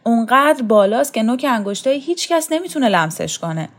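A woman's voice: on the high side, big pitch swings, voice pushed up. A woman reading a story, voicing a lovesick young man who pleads in an impassioned, raised voice. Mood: yearning. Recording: faint music underneath.

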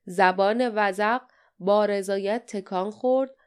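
A woman narrating an adventure audiobook with steady, dramatic storytelling. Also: mid-range voice, clean tone. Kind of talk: scripted narration.

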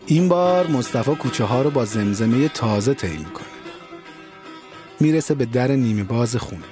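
A man narrating an audio story in a calm, measured storytelling manner, recorded close to the mic. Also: mid-range voice, over music.

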